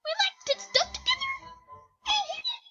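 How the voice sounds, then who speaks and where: Squeaky hyper chick. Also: female voice, lively intonation, normal speed, bright, forceful tone, soft background music, heavily acted. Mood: squealing. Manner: high squeal, rambling, hyper. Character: squeaky excitable little chick, farmyard animal. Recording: muffled lo-fi recording.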